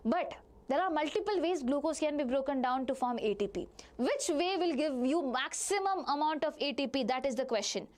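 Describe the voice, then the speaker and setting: A woman's voice: sits high, expressive, fairly quick. A woman with an Indian accent teaching a live online lesson, repeating phrases, asking questions and answering them herself while addressing students directly. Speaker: biology teacher.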